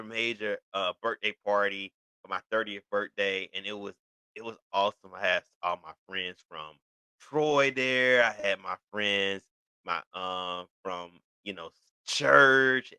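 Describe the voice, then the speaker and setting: A thirty-year-old man hosts his own online show in a loose, chatty way, circling back with "you know" fillers and frequent restarts. His voice sits very low in pitch but comes across bright and forceful. The sound is close and dry, with no room echo. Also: clean tone. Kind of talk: casual talk to camera. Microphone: video recording for an online channel.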